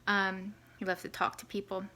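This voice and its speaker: A woman's voice: mid-range voice, completely flat delivery, normal speed, bright, forceful tone. A New Zealand woman in her thirties telling her life story casually to the camera, with many ums and easy laughs.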